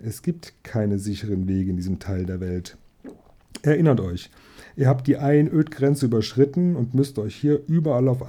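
A man's voice: mid-range voice, mellow, lightly acted. A man reading as a stern old wizard. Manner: measured, admonishing.

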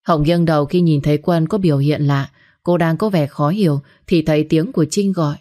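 A woman's voice: deep voice, brisk, warm tone. A woman narrating an audio story and voicing every character herself.

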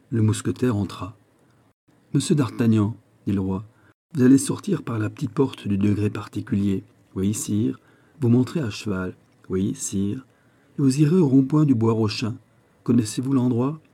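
Dark-voiced man narrating a classic novel. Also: lowish voice. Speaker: audiobook narrator.

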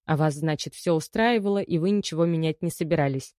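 A woman's voice: low-pitched, quick pace, darkish tone, dry recording, clean studio sound, natural voice. A woman reading the part of a commanding female investigator questioning a suspect, in a raised, firm voice.

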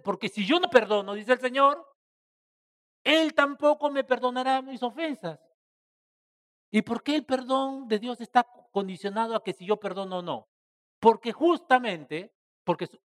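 A man preaching a church sermon, asking rhetorical questions and addressing the congregation as brothers, swinging between loud stressed phrases and soft trailing endings. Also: sits high.

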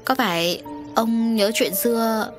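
A woman's voice: fairly high pitch, slow, faint music behind, pitched above the performer's own voice. A woman playing a fretful nagging mother. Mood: worried. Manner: fretful, scolding. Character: worried middle-aged mother, anxious and nagging.

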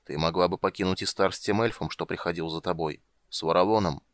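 A man voicing a huge, sullen warrior in an audiobook, speaking flatly and gruffly. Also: low-pitched, quick pace, no room sound, studio quality, lightly acted. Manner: flat, gruff, muttering.

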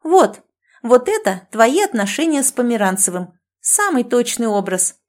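A woman's voice: a little high, lively intonation, normal speed, a little mellow, voice pushed up, close to an everyday voice. A woman voicing a domineering, self-certain female friend who lectures and commands in a sarcastic tone, in an audiobook. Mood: angry. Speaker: language teacher.

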